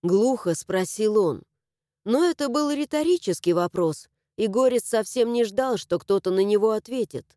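A woman narrating a fantasy novel in the first person, expressive and emotional. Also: medium pitch, moderate pace, no echo, clean studio sound. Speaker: audiobook narrator.

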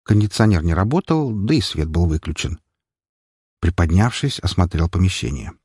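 A man narrating an audiobook in an expressive, lively reading. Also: low voice, normal speed, husky, no room sound, clean studio sound.

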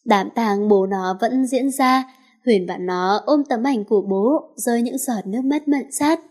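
Woman reading a novel aloud, fairly high. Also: unhurried, darkish tone. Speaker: storyteller.

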